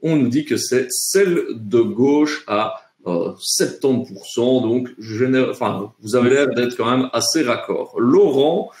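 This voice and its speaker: A man moderating a live education webinar, unhurried, with drawn-out fillers between phrases. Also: mid-range voice, lively intonation, a little mellow, roomy sound.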